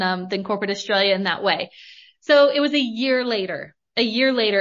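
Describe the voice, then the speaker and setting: An American woman hosting a podcast, telling her own story in a candid, animated way with casual swearing. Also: a little high, muffled recording. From United States. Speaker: podcast host, money coach. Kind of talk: casual monologue.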